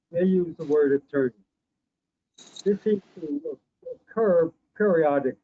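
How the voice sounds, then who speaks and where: A man, a board member, asking a question in a virtual meeting and repeating himself. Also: on the high side. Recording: thin phone-like call audio with faint hiss.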